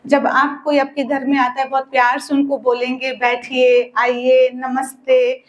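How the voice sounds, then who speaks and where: A woman with a high voice holds a lesson for a group of children and tells them a story. She keeps throwing quick questions at them and waits for the answers. She draws out key words in a sing-song way. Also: level tone, a bit bright, dull audio. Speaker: spiritual teacher at a children's summer camp.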